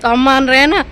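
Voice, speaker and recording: A woman's voice: high-pitched, very noisy. A middle-aged woman chatting casually to her viewers as she films her garden and her day outdoors on a handheld phone. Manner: chatty, talks straight to viewers and laughs loudly. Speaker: vlogger filming her family day. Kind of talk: casual vlog narration to camera. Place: outdoors in a home garden, later a park.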